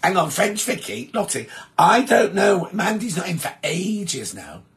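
Chatty male livestream host, throat hoarse and sore, voice sits a touch high, rambling and self-deprecating. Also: big pitch swings, unhurried, fairly bright tone. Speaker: livestream host reading viewer comments. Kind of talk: casual chat with viewers.

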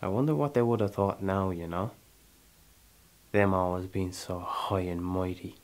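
In a theatrical monologue, a male actor plays a hardened, restless Irish settler, proud and brooding with blood on his hands, in a fairly low voice. He speaks deliberately, pausing and putting questions to his listener, his mood quiet and cold.

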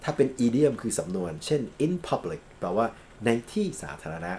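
A Thai man lecturing on English grammar and legal vocabulary, reading English examples slowly and then explaining them quickly. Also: mid-range voice, big pitch swings, a little mellow, a little hiss or hum.

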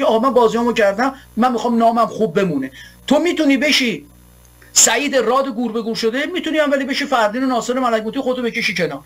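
A man from Iran hosting a show, delivering an impassioned political monologue full of repeated rhetorical lines. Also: very high voice. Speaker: host.

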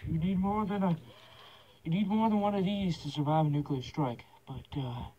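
A man's voice: on the high side, normal speed. Young man talking through a gas mask. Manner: offhand, swears a lot, rambles. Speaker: vlogger. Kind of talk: casual rambling vlog talk. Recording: dull lo-fi with faint hiss.

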